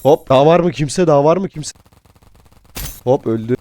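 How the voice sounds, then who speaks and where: A young man who is sick and hoarse, doing excitable gameplay commentary and swearing at the game. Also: a little high, moderate pace. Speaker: gaming YouTuber.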